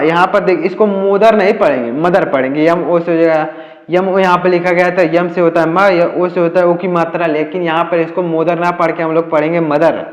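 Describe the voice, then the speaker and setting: A man teaching English reading in Hindi, spelling words out letter by letter and asking the class questions that he answers himself. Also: fairly high pitch. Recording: echoey room with long reverb.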